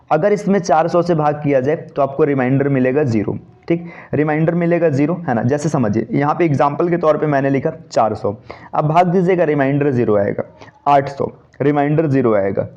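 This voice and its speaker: A man lectures on exam reasoning in a raised, mellow voice, taking each step slowly and checking in with the class again and again. The recording sounds a bit dull and lo-fi. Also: on the high side. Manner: explains step by step, keeps asking "है ना?" and "ठीक?". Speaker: exam-prep teacher.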